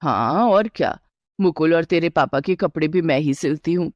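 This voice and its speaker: A woman voicing a shrewd, resourceful middle-aged mother-in-law who talks calmly and reassuringly in a lowered voice. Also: normal speed, dry recording, dull audio, natural voice. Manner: calm, reassuring, matter-of-fact.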